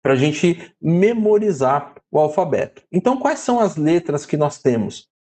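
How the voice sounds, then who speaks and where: A man's voice: on the high side, very animated, moderate pace, dark tone. A man teaching Greek in an online class, patiently saying each letter name three times and often checking in with his students.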